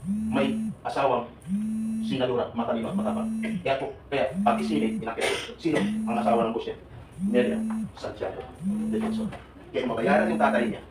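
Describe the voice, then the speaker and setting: A man, addressing overseas workers at a live seminar in an animated, joking way, often quizzing the crowd. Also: medium pitch, fairly quick, background noise. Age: 70s. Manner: animated, joking, questioning the audience. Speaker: OFW advocate speaking to workers. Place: large hall with an audience. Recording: echoey hall, voice from far off.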